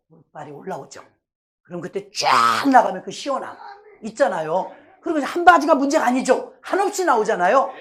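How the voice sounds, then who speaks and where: A middle-aged woman pastor giving a sermon testimony, telling her story with lively acted-out prayers. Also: on the high side. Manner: animated storytelling, acting out her own past prayers.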